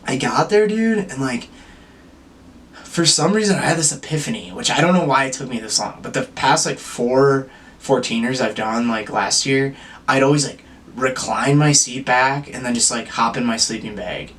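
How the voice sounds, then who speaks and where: A man's voice: mid-range voice, moderate pace, fairly bright tone, far from the mic. A young man rambles through a story in a loose, easygoing way, leaning heavily on fillers. He sits a little back from the mic, and a faint hiss of room noise is audible behind him. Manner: filler-heavy, says like and dude constantly. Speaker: vlogger.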